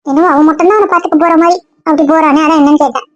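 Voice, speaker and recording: A woman's voice: sits high, fairly even intonation, racing, no room sound, natural voice. An actress playing a stubborn, complaining woman in a family comedy-drama skit. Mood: pleading. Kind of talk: casual web-series acting. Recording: dull lo-fi dry sound.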